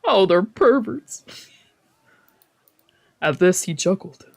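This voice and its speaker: A man with a high, animated, creaky voice takes it slowly while streaming a visual novel. He mixes casual let's play commentary with reading aloud, reacting, swearing, trailing off and correcting himself.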